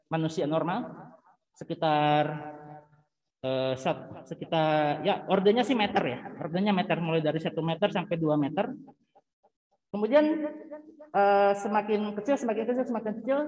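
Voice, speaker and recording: A man giving a university physics lecture, explaining patiently, often pausing with fillers and searching for words. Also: sits high, a little mellow, poor audio. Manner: patient explaining, checking in with frequent "ya".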